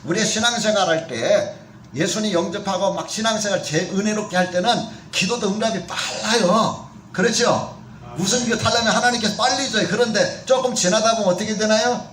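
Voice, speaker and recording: High-voiced pastor preaching in echoey church. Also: male voice, fairly quick, a bit bright, distant mic, a little hiss or hum. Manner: conversational preaching with questions to the congregation. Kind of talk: sermon. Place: church sanctuary.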